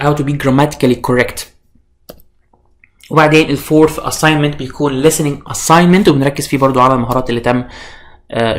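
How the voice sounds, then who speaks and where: In a medium-pitched voice, an IELTS teacher with an Egyptian Arabic accent gives the introduction to his online course. He is a young man who slips English words into his Arabic, pausing on fillers and restarting often.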